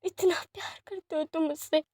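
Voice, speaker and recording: A woman voicing a gentle, sick young man who speaks softly and apologetically, in a fan-fiction story reading. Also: sits high, fairly even intonation, moderate pace, no echo, clean studio sound. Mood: tearful. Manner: soft, hushed and apologetic.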